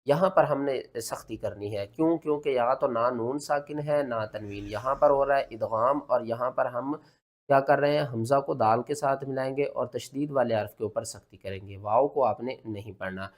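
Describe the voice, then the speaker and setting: A man teaching tajweed. He spells out letters and vowel marks one by one, asks questions and answers them himself, and chants the verses slowly. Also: medium pitch. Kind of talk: step-by-step recitation lesson.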